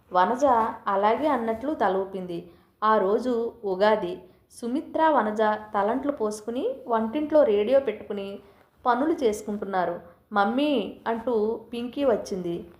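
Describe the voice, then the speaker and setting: A woman reading a short story aloud and chatting gently with her listeners as the host of her own channel. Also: on the high side, lively intonation, normal speed. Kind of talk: scripted story narration. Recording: roomy echo.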